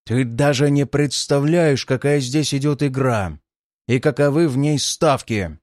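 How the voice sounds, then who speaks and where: A man's voice: mid-range voice, a little slow, a little mellow, dry recording, clean studio sound, close to an everyday voice. A man voicing a huge, cruel male demon who growls his words with scorn. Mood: scornful.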